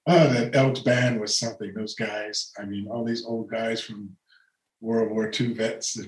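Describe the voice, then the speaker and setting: A man's voice: fairly low pitch, echoey room, low-quality recording. An older man, a retired orchestral horn player, telling rambling anecdotes as an interview guest, laughing often and restarting his sentences. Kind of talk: relaxed storytelling conversation.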